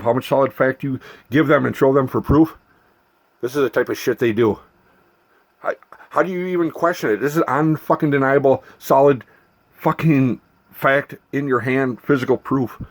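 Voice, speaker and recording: A man giving an unscripted personal rant to document a grievance, emphatic, repetitive and full of swearing. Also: mid-range voice. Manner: aggrieved, profane, emphatic, repetitive.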